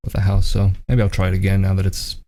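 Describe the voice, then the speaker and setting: Low-voiced joking male tech show host. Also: completely flat delivery, quick pace, mellow, a little hiss or hum. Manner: joking, teasing banter. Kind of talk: casual live tech chat.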